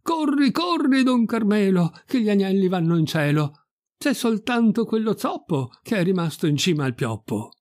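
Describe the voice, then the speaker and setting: A man's voice: a little high, sing-song, moderate pace, creaky, no room sound, clean studio sound, exaggerated voice. A man voicing a cunning young farmhand who plays tricks, in a sly, innocent-sounding way. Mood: shouting.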